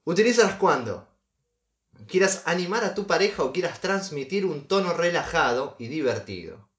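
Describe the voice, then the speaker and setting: A man's voice: on the high side, sing-song, normal speed, a bit bright, roomy sound, muffled recording. A man co-hosting a casual comedic podcast, reading advice aloud with dry asides and chuckles. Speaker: podcast co-host.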